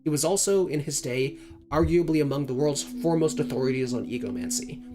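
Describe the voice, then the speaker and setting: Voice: mid-range voice, a little fast, mellow, lightly acted. A person reading out a formal, apologetic letter in their own voice during a visual novel read-through.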